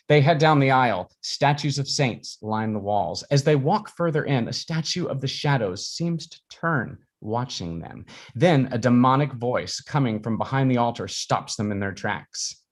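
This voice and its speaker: A man reading stage directions as narrator at a live screenplay reading. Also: mid-range voice.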